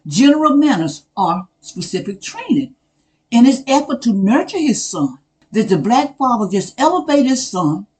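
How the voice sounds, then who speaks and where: A man giving casual spoken commentary. He talks in an earnest, measured way, keeps asking rhetorical questions, repeats phrases for emphasis and addresses people directly. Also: high-pitched, darkish tone, low-quality recording. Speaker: video commentator.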